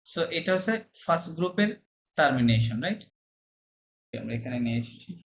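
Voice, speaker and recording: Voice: mid-range voice, animated, brisk, slight background noise, low-quality recording. An online French teacher explaining verb endings patiently, checking understanding often and mixing English and French terms into the lesson.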